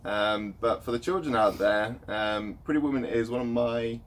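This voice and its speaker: A man's voice: medium pitch, normal speed. Young male host, chatty and meandering, faint noise on the track. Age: 20s. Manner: chatty, rambling with fillers. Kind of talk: casual chat. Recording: light background noise.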